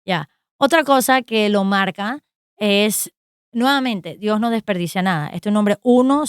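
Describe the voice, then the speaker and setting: Woman, animated radio storyteller, clean dry studio sound. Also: mid-range voice, smooth, no room sound. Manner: animated storytelling with many fillers. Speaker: co-host. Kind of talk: casual radio chat about a saint's life.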